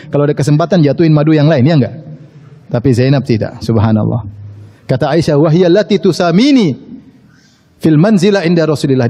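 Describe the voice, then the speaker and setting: Animated preacher, high voice, reverberant hall. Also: male voice. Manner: animated storytelling, acts out quoted speech, chuckles at his own asides. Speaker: Islamic preacher. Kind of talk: sermon storytelling.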